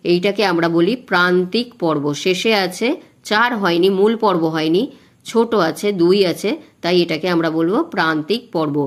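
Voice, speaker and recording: A woman tutor, teaching verse metre step by step, slowly chanting poem lines and counting syllables aloud. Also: on the low side. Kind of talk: exam-prep lesson on verse metre.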